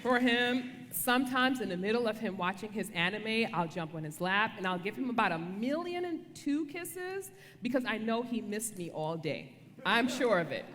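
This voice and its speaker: A woman's voice: fairly high pitch, sing-song, normal speed, fairly bright tone. A woman giving a casual devotional talk on marriage as co-speaker, conversational and playful, often checking for agreement. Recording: reverberant room.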